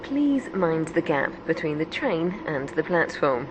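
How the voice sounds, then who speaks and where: A woman performs a formal onboard train announcer in a railway game. She gives scripted station announcements slowly, with lively intonation in her measured delivery. Clear train noise runs behind her. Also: low-pitched. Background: train vehicle ambience in a simulator game.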